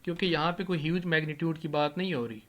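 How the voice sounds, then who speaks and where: A man gives an English grammar lesson over a screen recording. His voice sits fairly high, and he asks the class questions and answers them himself. He slows right down to spell out each English example, and keyboard typing can be heard behind him. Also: fairly bright tone. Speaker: English teacher.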